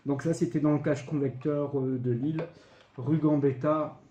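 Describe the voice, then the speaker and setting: A man's voice: fairly high pitch, steady tone, normal speed, warm tone, lo-fi sound. A man casually showing off retro video games he bought, listing the prices with lots of fillers. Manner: chatty, lists items and prices with many fillers. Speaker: retro game collector vlogger. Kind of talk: casual show-and-tell of purchases. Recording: echoey room, faint background noise.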